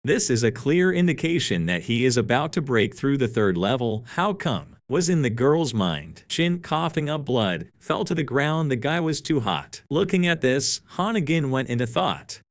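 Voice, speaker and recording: Male recap narrator, animated intonation, dry close sound. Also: medium pitch, normal speed, few pauses, no room sound. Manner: reads quoted lines the same as the narration, with no put-on voices. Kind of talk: flat read-aloud story recap.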